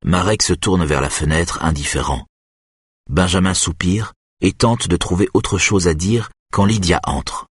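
A man with a very low, husky voice reads a dark story aloud at a steady, measured pace. The sound is dry and close, with no room around it. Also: no room sound. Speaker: narrator. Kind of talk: audiobook narration.

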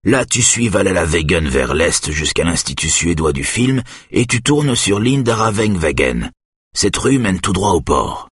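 Guy reading as a gruff old hurt dad, deep husky voice, short orders. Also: big pitch swings, a little slow, fairly bright tone, dry recording, clean studio sound, exaggerated voice. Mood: stubborn. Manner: curt, low commands. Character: injured older father, stubborn and commanding.

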